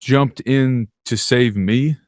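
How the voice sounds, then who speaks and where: A man playing George, a bitter, desperate family man at his wits' end, agitated and halting in an old-time radio play. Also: mid-range voice, no room sound, clean studio sound, close to an everyday voice. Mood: dejected, bewildered.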